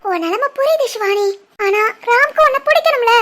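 A blunt young woman friend in a cartoon, voiced by a woman, speaking very high and thin. She has a Kanyakumari-Tirunelveli Tamil accent and urges her friend on frankly. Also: animated, brisk, background noise. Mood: urging. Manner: urging, frank.

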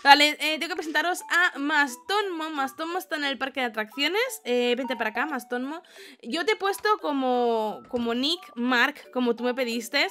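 A young woman giving animated, excited let's-play commentary, often exclaiming and laughing. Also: high-pitched, moderate pace. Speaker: gaming YouTuber.

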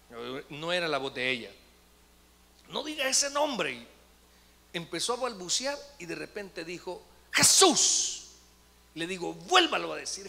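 Man, pastor, lively sermon storytelling, bright forceful tone, slightly high voice, church hall echo. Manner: animated storytelling, acts out voices. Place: church sanctuary.

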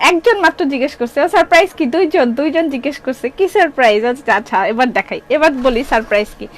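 A middle-aged woman with a Bangladeshi accent, running a live clothing sales stream, talking fast and playfully while reading viewer comments. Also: high voice. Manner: fast, chatty, playful, reads comments aloud. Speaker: shop owner selling clothes on a live stream.

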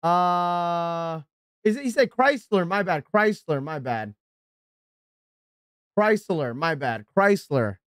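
Guy ranting on his live stream, smooth clean voice, dry close sound, keeps shouting out subs. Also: on the high side, expressive, takes it slowly, pauses often, no echo. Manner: ranting, exasperated, shouts out subscribers. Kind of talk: live stream reacting and chatting with viewers.

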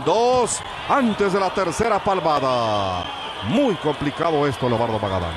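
A man's voice: a little high, very animated, measured pace. A man with a Mexican accent calling a lucha libre match move by move as a television commentator. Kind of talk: live sports commentary. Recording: noisy arena with crowd behind.

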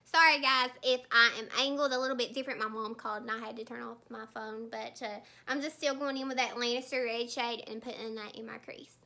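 Young female beauty vlogger, high pitch, chatty and heartfelt, full of fillers and restarts. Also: fairly even intonation, brisk, vocal fry, hardly any pauses, bright, forceful tone. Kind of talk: casual chat while doing makeup.

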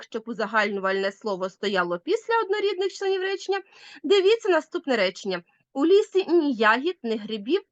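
A woman teacher giving a recorded grammar lesson, speaking clearly and stressing words with care. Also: on the high side, a bit bright, no echo, dull audio.

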